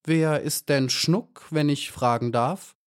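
A man's voice: medium pitch, animated, normal speed, a little mellow, natural voice. A man reading aloud, voicing a little young female bee who speaks timidly yet firmly. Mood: cautious.

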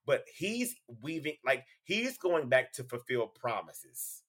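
A man co-hosting a wrestling podcast, talking in an animated, slangy, playful way. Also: medium pitch, slow. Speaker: podcast co-host. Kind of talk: casual wrestling chat.

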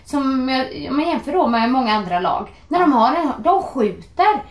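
A woman in her thirties chatting casually, lively and animated as she tells stories. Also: sits high. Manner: lively, animated storyteller who acts out shouting. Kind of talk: casual chat. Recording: echoey room.

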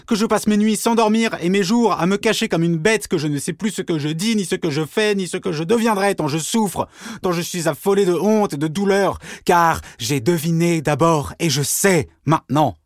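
A man doing a jealous young man in a rage, voice pushed high and loud, hot and accusing, in a dry, close recording of a spoken story. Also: normal speed, no echo, close to an everyday voice. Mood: furious. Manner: heated, accusing, raised voice.

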